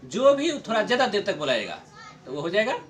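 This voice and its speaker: High-voiced man teaching a classroom grammar lesson. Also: huge pitch swings, a bit bright. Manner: explains slowly, repeats points, chuckles often.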